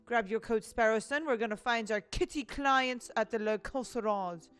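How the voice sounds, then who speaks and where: A woman voicing a dignified falcon gentleman lawyer in a put-on French accent, reading formally and theatrically for a game. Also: fairly high pitch, normal speed, clean tone, faint music behind, close to an everyday voice. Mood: pompous, eager. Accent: mock French, put on.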